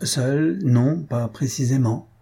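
A sly, indulgent old valet voiced by a man teases in hesitant, knowing hints. His husky, mellow voice rises in pitch for the role. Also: takes it slowly, exaggerated voice. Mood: teasing. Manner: teasing, hesitant.

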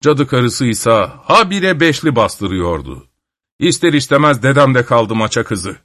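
A man reads a folk tale aloud with an expressive, storybook delivery. His voice sits in a middle pitch but swings widely as he tells it. The sound is close and dry, with no room around it. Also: unhurried, no echo. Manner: lively, expressive reading. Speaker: narrator. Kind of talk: storybook narration.

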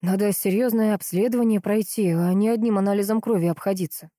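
A woman's voice: medium pitch, fairly even intonation, quick pace, dark tone, no room sound, clean studio sound, lightly acted. A woman voicing a worried, insistent young father in an audiobook. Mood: anxious.

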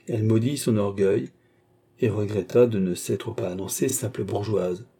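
A man narrating a classic novel in steady literary reading. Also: on the low side, moderate pace, husky. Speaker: audiobook reader.

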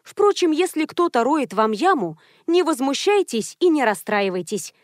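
A woman reading a first-person audiobook in a lively, ironic storytelling manner. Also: high voice, moderate pace, no echo, studio quality. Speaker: audiobook narrator.

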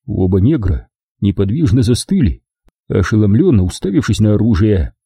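Husky, dark-voiced male narrator. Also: fairly low pitch, big pitch swings, moderate pace, dry recording. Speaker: audiobook reader. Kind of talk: scripted narration.

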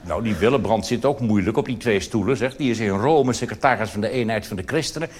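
Recorded live long ago in a noisy theatre, a Dutch male cabaret performer with a lowish, darkish voice talks fast through a comic monologue. He rambles conversationally, adding asides and tag questions.

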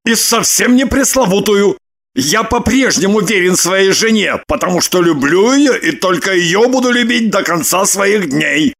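A husky, slightly raised man's voice, as an audiobook reader plays him, measured and defensive, with a lively up-and-down line. He sounds a touch set back from the mic. A storybook husband type, weary but stubborn. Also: high voice, full character voice. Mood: tired defensive. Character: weary stubborn middle-aged man, defensive.

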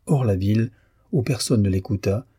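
A man reading a story aloud in measured, expressive narration. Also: fairly low pitch, slightly rough, no room sound. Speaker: audiobook reader. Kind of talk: scripted narration.

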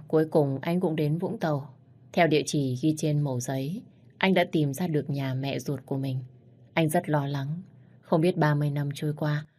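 A woman telling a story as a measured, scripted narration. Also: low-pitched, a little mellow, slightly rough. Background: faint music.

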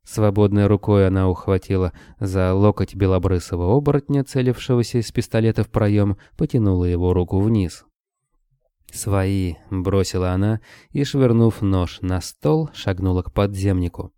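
A man narrating a fantasy audiobook with steady storytelling. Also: deep voice, normal speed, clean tone, no echo, studio quality.

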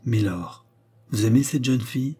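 A man reading a calm, solemn old mystic. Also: medium pitch, normal speed, breathy edge, natural voice. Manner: calm, grave, blessing tone.

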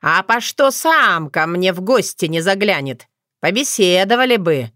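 A woman's voice: fairly low pitch, animated, unhurried, a bit bright, no echo, studio quality. A woman voicing a playful, bossy old witch grandmother who talks in a teasing, folksy way.

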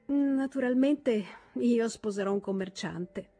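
An earnest, lively young girl from a merchant family speaks eagerly and with conviction, her voice lifted high, as a woman reader puts her on. There is a husky softness underneath, and it sounds like an audiobook. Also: takes it slowly, faint music behind. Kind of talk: audiobook character voice.

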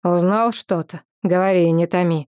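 Woman reading a terse, urgent young warrior, storybook, her own lowish voice. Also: fairly even intonation, normal speed, a little mellow, dry recording, studio quality, natural voice. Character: young male warrior-guard, earnest and impatient.

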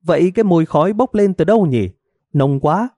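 A man's voice: sits high, expressive, moderate pace, a little mellow, no room sound, pitched above the performer's own voice. A man voicing a hot-tempered middle-aged village wife who scolds and wails melodramatically in a storybook reading. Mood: alarmed.

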